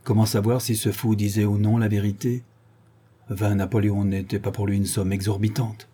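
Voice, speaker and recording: A man narrating an audiobook in a steady, measured storytelling manner. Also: fairly low pitch, husky. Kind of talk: scripted narration.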